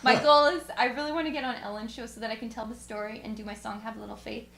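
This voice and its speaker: A woman guest musician telling a story in animated fashion, acting out the quotes with big swings in pitch. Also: fast talker, vocal fry. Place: radio studio. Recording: roomy studio.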